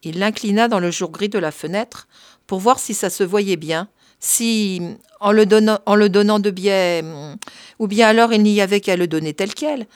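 A woman narrating a story in a measured, even reading voice. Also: mid-range voice, no echo, clean studio sound. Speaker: reader.

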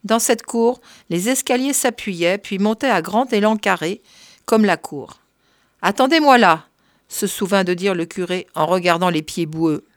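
A woman's voice: mid-range voice, no room sound. Woman reading a story, dry close sound. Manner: measured, even reading. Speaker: reader. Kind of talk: storybook narration.

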